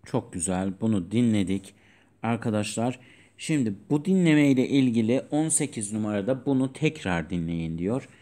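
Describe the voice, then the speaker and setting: A man teaching an English lesson on video, with a dark, mellow tone. He reads English sentences slowly in a British-style pronunciation and patiently explains each one to young pupils. His delivery stays steady and explanatory. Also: on the low side.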